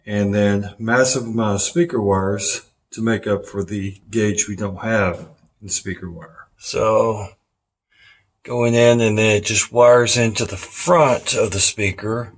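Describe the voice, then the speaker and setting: A middle-aged man hosts a casual, hands-on car audio vlog, thinking aloud as he installs and reviews gear in a garage, a car, and a house interior. His voice is lowish and steady, he takes his time, and the recording has a roomy echo.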